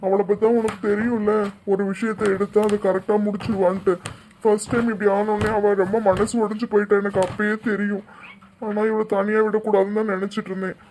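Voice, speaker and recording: A woman's voice: mid-range voice, a little mellow, slight background noise, lightly acted. A woman doing a troubled middle-aged family man in a cartoon, pleading and anxious, with an ordinary mid-height voice. the tone is plain and unforced, more everyday than acted. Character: worried middle-aged husband and father. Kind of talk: cartoon voice acting.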